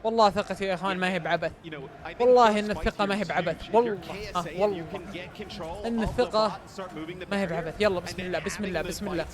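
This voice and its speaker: A man giving excited live commentary as a streamer, chanting and cheering his team on. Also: high-pitched, rapid-fire, a crowd in the background.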